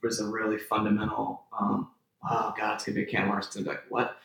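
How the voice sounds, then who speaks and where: A man from Texas, a theater-maker guest in a conversational interview, rambling with lots of "like" and restarts, getting animated as he tells stories. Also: on the low side, fast talker, creaky. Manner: rambling, heavy on "like", restarts often, grows animated telling stories. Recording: echoey room.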